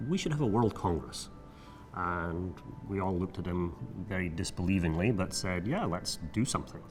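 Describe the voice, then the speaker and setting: Deep-voiced Scottish physician, measured and reflective. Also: male voice. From Scotland. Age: middle-aged. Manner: measured, reflective, frequent filler sounds. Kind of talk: recorded oral-history monologue.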